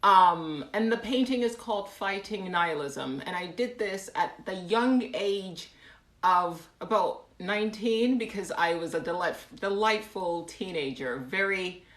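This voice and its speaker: A young woman chats casually on a livestream and reads out comments, putting on an amateur British accent. Her mid-range voice is expressive, unhurried and a bit bright, and her manner is wry and self-deprecating. The room gives the audio a noticeable indoor echo.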